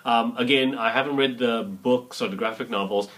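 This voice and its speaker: A man's voice: medium pitch, fairly bright tone. A man co-hosting a casual podcast chat, eager and agreeable. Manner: eager, agreeable, quick to say yeah. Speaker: co-host. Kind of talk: casual chat about a TV trailer.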